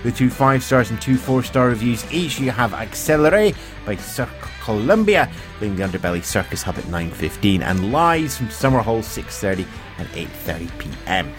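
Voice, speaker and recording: A man's voice: lowish voice, music in the background. A Scottish man hosting a festival podcast, bantering with guests and reading a review roundup in a studio. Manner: animated, quick to laugh and banter. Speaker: podcast host.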